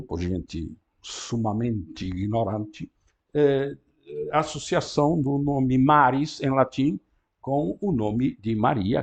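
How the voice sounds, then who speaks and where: A man's voice: medium pitch, creaky, slightly rough. A man teaching an introductory university class, leaning hard on the tag "não é?" and scornful of popular mistakes. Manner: repeats "não é?" constantly, emphatic, scornful of errors. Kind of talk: university lecture.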